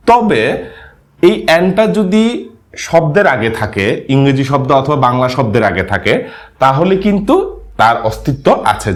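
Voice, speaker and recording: A man teaching a language lesson, explaining spelling and sounds step by step and often checking with a questioning "yes?". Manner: frequent questioning "হ্যাঁ?" to check understanding; lively rising and falling pitch.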